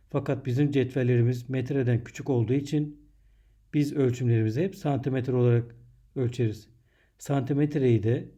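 A man narrates a scripted primary school lesson, dictating in measured, separated phrases the way a teacher does for young pupils. His voice is medium-pitched with a dark tone.

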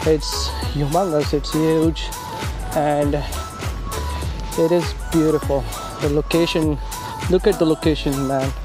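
A man vlogging casually to a handheld camera, upbeat and halting, with frequent filler sounds. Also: a little high, flat delivery, music in the background. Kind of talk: casual vlog talk to camera. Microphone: handheld camera mic.

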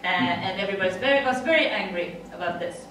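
Expressive and quick, a middle-aged Swedish woman with a Swedish accent gives a chatty English conference talk full of laughter and fillers. Her mid-range voice has a fairly bright tone. The sound, from a far room mic in a dim conference room, is echoey with a little hiss or hum.

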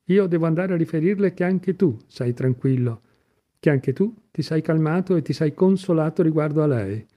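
A man's voice: on the high side, moderate pace, mellow, close to an everyday voice. A man doing a fatherly old police chief. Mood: earnest fatherly. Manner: earnest, coaxing, repetitive. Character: older male police chief, fatherly, kind-hearted, agitated.

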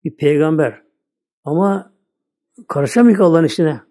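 Older man preaching, mellow voice. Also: fairly high pitch, moderate pace. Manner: plain conversational preaching, repeats "böyle". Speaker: Islamic preacher. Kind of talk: religious sermon talk.

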